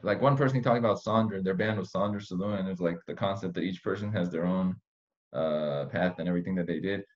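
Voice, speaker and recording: Deep-voiced and quick, an Iranian man hosts a laid-back conversational podcast. He wanders off on playful, mock-serious tangents, and the sound quality is dull and lo-fi.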